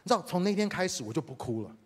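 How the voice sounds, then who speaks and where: A Taiwanese pastor with a Taiwanese Mandarin accent shares a personal story during his sermon, speaking straight to the congregation. His voice is high and quick, and the recording carries a slight hiss or hum. He sounds animated throughout.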